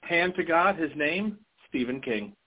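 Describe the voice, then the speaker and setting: A man's voice: fairly high pitch, animated, measured pace. An American man chatting casually as a podcast guest over the phone, telling stories with chatty emphasis. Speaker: podcast guest, convention organiser. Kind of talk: casual phone interview chat. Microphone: phone call. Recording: tinny live phone line.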